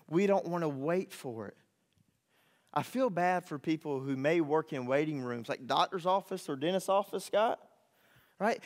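A young man, preaching a sermon as pastor in an earnest, conversational way that rises to pleading. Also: sits high. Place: church sanctuary. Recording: reverberant church sanctuary.

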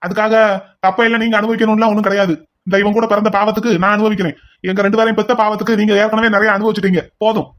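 A man's voice: high voice, flat delivery, racing, a bit bright. Man voicing a blunt scolding grown son. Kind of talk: cartoon voice acting.

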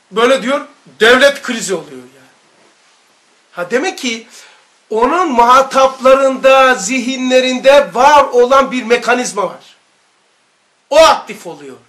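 Man, informal religious lesson, high-pitched, bright and forceful, barks example commands. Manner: animated, barks mock military commands; rhetorical questions to listeners. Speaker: religious study-circle teacher.

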